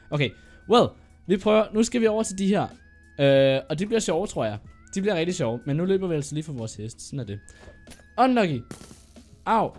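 Young male gaming host, a bit sick with a sore throat, chatty and excitable, narrates every move in a fairly high voice. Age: young adult. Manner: excitable, chatty, narrating his own moves. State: sore throat, coughing now and then. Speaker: gaming YouTuber. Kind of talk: gameplay commentary.

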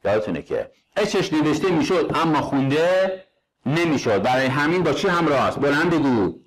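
A man with a Persian accent teaching English grammar, reading example sentences slowly and quizzing his students. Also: fairly high pitch, lively intonation. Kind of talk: grammar lesson walkthrough.

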